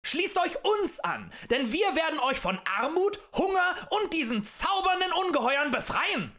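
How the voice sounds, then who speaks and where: A man voicing a fiery male demagogue who rants and shouts at a tavern crowd in an audiobook. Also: very high voice, huge pitch swings, normal speed, voice pushed up, exaggerated voice. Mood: ranting. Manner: ranting, shouting, rhetorical and accusing.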